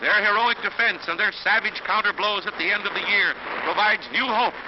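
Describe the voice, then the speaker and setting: A man's voice: high voice, fairly quick, slight background noise. A man giving dramatic, emphatic 1940s narration on an old newsreel soundtrack. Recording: dull lo-fi 1940s film soundtrack with music.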